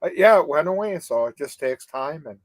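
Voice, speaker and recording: A man's voice: on the high side, animated, a little fast, no echo, poor audio. An older man chats casually on a live stream. His speech rambles with false starts and trailing "you know?" tags. The sound is dry and close, with no room around it. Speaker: co-host of a live advocacy chat.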